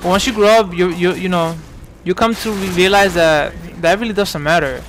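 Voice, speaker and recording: A gaming commentator, a man in his 20s from New York, speaks in a high, slightly bright voice at a moderate pace. His casual commentary over the game wanders, with lots of fillers and restarts, and there's a bit of background noise.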